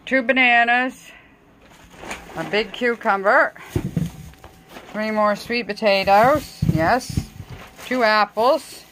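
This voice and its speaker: For a casual grocery haul vlog, a middle-aged woman at her table at home lists items in short phrases, recorded on a handheld phone. Her somewhat bright, higher voice moves slowly with long pauses. Slight background noise and rough recording quality are present.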